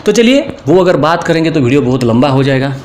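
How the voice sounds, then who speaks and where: Quick and animated, this man's slightly high, somewhat mellow voice carries an Indian accent as he teaches a spiritual lesson to camera. He is earnest and informal, says things more than once, and slips English words in. Slight background noise is present.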